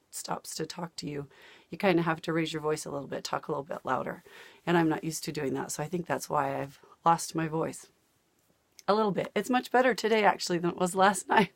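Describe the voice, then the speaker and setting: An older American woman, a cross-stitch vlogger, chats casually to camera from home about her hobby, rambling and laughing easily. She's losing her voice after days of talking, so her low voice comes out creaky. There's no echo.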